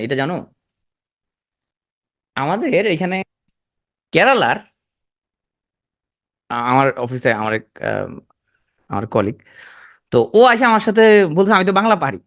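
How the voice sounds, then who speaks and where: A man teaching an exam prep class, talking quickly and repeating key points for his students. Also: on the high side, a bit bright. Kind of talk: classroom lecture.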